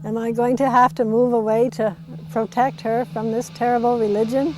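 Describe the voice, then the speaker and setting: A woman's voice: fairly high pitch, level tone, moderate pace, darkish tone, slight background noise. A middle-aged woman, a bereaved mother, speaking in a distressed, pleading way and asking many questions in an archival interview clip. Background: music under the voice.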